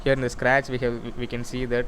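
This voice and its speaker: This is an informal software demo led by a man with a medium-pitched voice who explains things haltingly and tends to repeat himself. Steady background noise sits under an otherwise clear recording.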